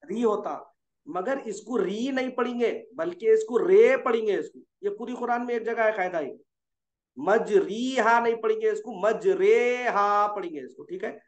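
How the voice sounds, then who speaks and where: In an echoey room, a man with a high, expressive voice teaches a Quran recitation class at a brisk pace. He puts questions to the class, answers them himself, and repeats the key points.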